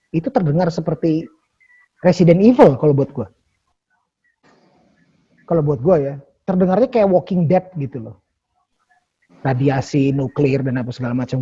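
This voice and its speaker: Brief: man hosting, husky higher voice, dark and muffled sound, emphatic and animated. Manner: animated, probing questions, emphatic repetition. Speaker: host.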